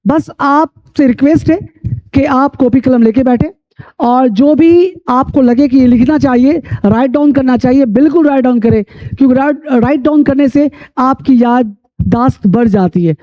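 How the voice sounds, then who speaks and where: A man teaching English pronunciation, repeating rules and spelling letters out slowly. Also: very high-pitched. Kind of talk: classroom-style lesson. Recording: dull lo-fi sound.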